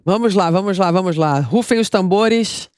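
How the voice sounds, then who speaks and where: A woman's voice: mid-range voice, normal speed, a little mellow, no room sound. A woman hosting a talk show in a studio, teasing her guests with playful questions. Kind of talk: lively studio chat and party game.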